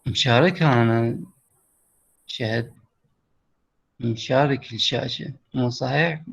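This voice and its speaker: An English teacher with an Iraqi accent teaches a class over a video call, speaking a little slowly in a mid-range, creaky, husky voice that's a bit bright. He explains step by step and checks that his students follow, and the computer mic gives lo-fi online call audio.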